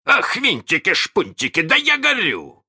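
A man's voice: on the low side, expressive, unhurried, bright, forceful tone, husky, full character voice. A man voicing a menacing, proud and hot-tempered male pirate captain in a storybook reading, speaking passionately with barking outbursts. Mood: fretful.

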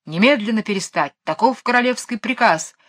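A woman's voice: on the high side, animated, brisk, a bit bright, clean studio sound. Woman doing echoing fawning courtiers. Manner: parroting, echoing in unison. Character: chorus of echoing royal courtiers, male. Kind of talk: storybook reading.

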